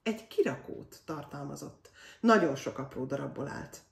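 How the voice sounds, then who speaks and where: Woman reading a fairy tale aloud, lively. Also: sits low, gravelly, distant mic. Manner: expressive, animated. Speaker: storyteller. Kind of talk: children's story reading. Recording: roomy echo.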